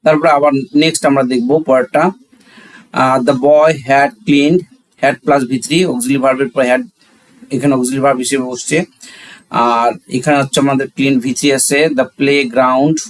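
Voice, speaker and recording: A man with a Bangladeshi accent and a mid-range voice teaches a grammar lesson step by step, classroom-style, at normal speed with a flat delivery. He often poses questions and answers them himself, switching between Bengali and English. The recording quality is low.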